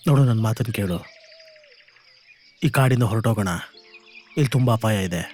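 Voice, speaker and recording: A man's voice: lowish voice, normal speed, darkish tone, a little hiss or hum, natural voice. An actor dubbing a young man urgently pleading with his grieving friend to leave the forest, in a film soundtrack with music. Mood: urging. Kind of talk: Kannada film dub.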